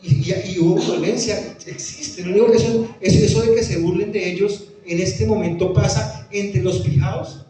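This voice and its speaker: A man's voice: high-pitched, steady tone, moderate pace, mellow, slight background noise. A man with a Tolima Colombian accent giving a conference talk, emphatic and repeating phrases as he answers audience questions. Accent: Tolima Colombian Spanish. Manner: emphatic, repeats phrases, acts out quoted voices. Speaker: lecturer on the Pijao language. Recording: echoey hall, voice from far off.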